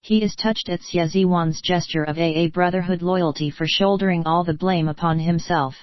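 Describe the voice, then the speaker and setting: A woman's text-to-speech voice narrating a translated novel in a flat, even manner, with odd slips in the reading. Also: fairly low pitch, moderate pace, dry recording, dull audio.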